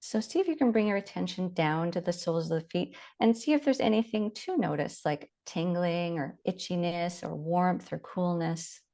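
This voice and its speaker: A lowish-voiced woman talks listeners through a body scan meditation, her guidance gentle and unhurried and broken up by long silences.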